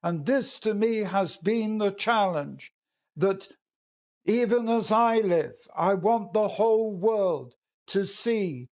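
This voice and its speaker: Male evangelist, high voice, unhurried, emphatic sermon delivery. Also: animated, a little mellow. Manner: earnest, emphatic, retelling scripture. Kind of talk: preaching bible teaching.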